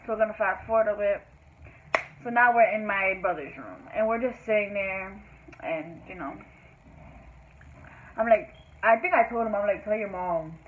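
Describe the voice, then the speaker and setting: A woman's voice: mid-range voice, moderate pace, long pauses. Rambling young woman on a tinny line. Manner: rambling, many fillers like "like" and "whatever". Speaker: vlogger. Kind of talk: casual storytelling. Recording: tinny phone-like sound, faint hiss.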